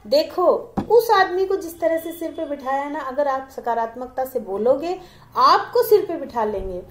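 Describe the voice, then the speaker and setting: A woman with a high voice tells a moral story to her viewers in an earnest, preachy, lively way. She speaks as a vlogger and keeps coming back to the lesson. The room around her is echoey. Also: normal speed.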